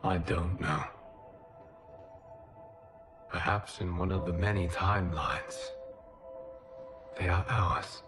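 An actor playing a solemn, wise warrior god and keeper of time in a video game, measured and earnest. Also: male voice, deep voice, steady tone, music in the background. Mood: tender. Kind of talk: video game cutscene acting.

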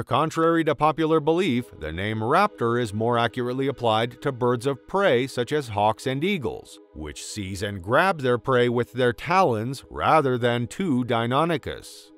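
Nature documentary narrator, male, mid-pitched and lively, dramatic storyteller, light music underneath. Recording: music behind the voice. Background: background music.

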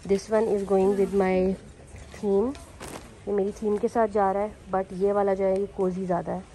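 A woman's voice: medium pitch, flat delivery, a little slow, mellow, a little hiss or hum, rough recording. A young woman chatting casually in a vlog, mixing Hindi and English, filmed on a handheld phone inside a large store. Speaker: vlogger. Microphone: phone held at arm's length.

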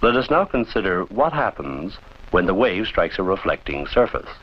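This is a deep-voiced man narrating an instructional film, his intonation lively and varied. He keeps a formal, measured, teaching tone throughout. The recording sounds like a vintage training film, muffled and lacking fine detail.

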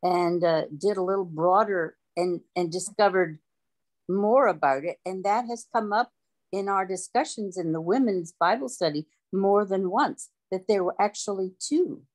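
A woman's voice: mid-range voice, moderate pace, a little mellow. A woman with a Virginian accent who leads a Bible study, asking hesitant questions on a video call. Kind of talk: webinar question.

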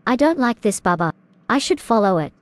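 A woman's voice: fairly high pitch, sing-song, a little fast, no room sound. A woman voicing an anxious, earnest rabbit toy in a cartoon drama. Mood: worried.

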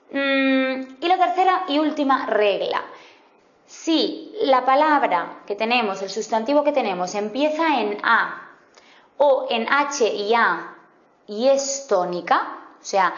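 A woman teaching a grammar lesson, patiently spelling out example words slowly. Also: on the high side. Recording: roomy, slightly dull sound.

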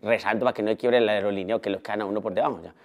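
A young adult man doing a joking comedy monologue in an animated way. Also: fairly low pitch, very fast. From Colombia. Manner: animated, jokey, breaks into laughter. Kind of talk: comic vlog monologue.

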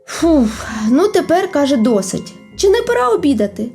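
A woman voicing a hungry, furious male wolf in a storybook tale, shouting threats. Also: sits high, sing-song, brisk, gravelly, soft background music, voice pushed up, full character voice. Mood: weary.

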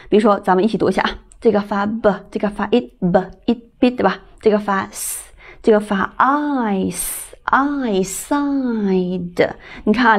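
A young woman teaching an online English pronunciation lesson, coaxing her students and drawing out each model word slowly. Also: mid-range voice. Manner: lively, coaxing, drawn-out model words.

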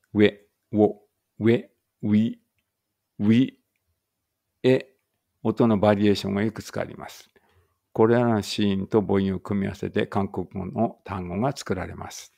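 A man reading a language lesson aloud slowly and carefully, with muttered asides to himself. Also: on the low side, gravelly, mellow.

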